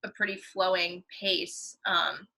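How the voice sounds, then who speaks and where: A woman's voice: fairly low pitch, flat delivery, takes it slowly, pushed and bright, poor audio. A young woman who teaches ballet, chatting casually and easily, with lots of filler words. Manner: chatty, filler-heavy, laughs often. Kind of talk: casual chat.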